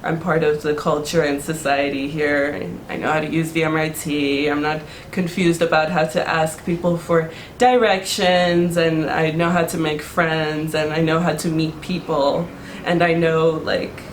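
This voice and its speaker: This young woman from Taiwan has a deep voice and speaks at normal speed in a steady tone during a casual interview. She rambles, leaning on lots of "like" and restarting often. The recording has a slight hiss or hum and sounds echoey.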